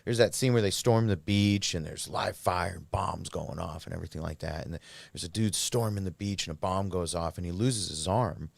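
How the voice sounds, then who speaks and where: A man's voice: sits low, moderate pace, gravelly, few pauses, no room sound. A man, a podcast guest, candidly telling his recovery story in a rambling, filler-heavy way.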